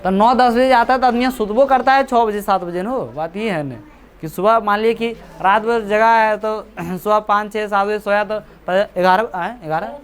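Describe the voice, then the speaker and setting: A man's voice: high voice, normal speed. A man teaching a class, chatty and joking, teasing and scolding his students. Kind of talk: classroom lecture explaining a story.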